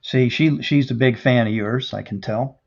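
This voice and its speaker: Male livestream host, affirming and chatty, mid-pitched, dull lo-fi audio. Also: normal speed, vocal fry, a little mellow. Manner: affirming, reads viewer comments aloud. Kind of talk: livestream chat.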